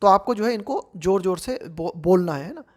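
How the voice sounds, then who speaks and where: A woman teaches English vocabulary, reading English phrases slowly and carefully before explaining them in Hindi. She talks straight to her learners in a chatty classroom way, at a middling pitch. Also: expressive, a little mellow. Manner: conversational, addresses learners directly. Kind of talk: explaining a book line by line.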